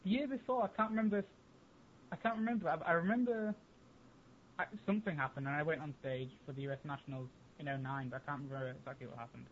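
A man's voice: on the high side, fast. A man with an English accent, chatting as a podcast guest and often restarting his sentences. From England. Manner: hesitant, restarts a lot. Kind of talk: casual chat. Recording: tinny phone-like line with faint hiss.

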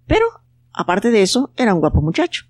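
A storyteller, reading a children's tale in a calm, unhurried way. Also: mid-range voice, no room sound. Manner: calm, unhurried telling with plain quoted voices. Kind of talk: storybook narration.

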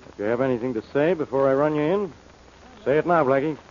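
A man's voice: mid-range voice, fast talker, a little mellow, close to an everyday voice. Man playing blustery radio police Inspector Faraday, muffled recording. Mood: stern, wary. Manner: blustery, bossy. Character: gruff, exasperated male police inspector, suspicious and gullible. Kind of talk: 1940s radio acting. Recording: muffled old-time radio recording, faint noise.

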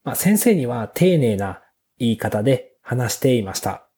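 Slow, soft-spoken Japanese teacher man. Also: mid-range voice, very animated. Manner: slow, clear teacher's delivery with fillers. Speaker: podcast host teaching Japanese. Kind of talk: slow, simple Japanese lesson for beginners.

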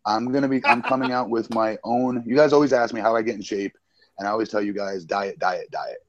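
A man's voice: lowish voice, fairly quick, dry recording, dull audio. A man in his forties, a guest wrestler chatting on a podcast with brash, boastful banter. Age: 40s. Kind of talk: casual podcast chat.

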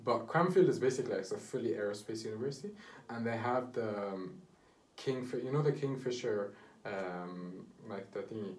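A man's voice: lowish voice, a little fast, a little mellow. Young man rambling in an echoey room. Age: young adult. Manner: rambling, many fillers, laughs easily. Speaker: podcast co-host. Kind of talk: casual chat. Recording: roomy echo, far from mic, faint noise.

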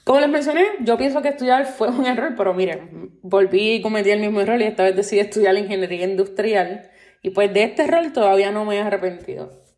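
Talking fast in a mid-range, darkish voice, this twenty-something podcast host from Puerto Rico delivers a solo monologue with a roomy echo. She speaks Puerto Rican Spanish, leaning on fillers like "este" and "pues" as she earnestly and opinionatedly complains about workplaces.

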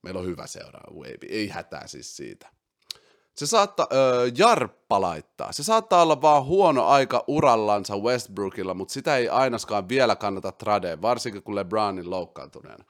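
Excitable man hosting a podcast. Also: fairly low pitch. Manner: excitable, swings loud and quiet; mixes English slang into speech. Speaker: podcast host. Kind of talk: casual basketball chat.

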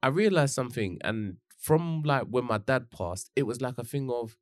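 A man's voice: mid-range voice, animated, normal speed, dry recording, clean studio sound. A man with a London accent in casual conversation, using roadman slang and rambling as he thinks aloud. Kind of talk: casual chat.

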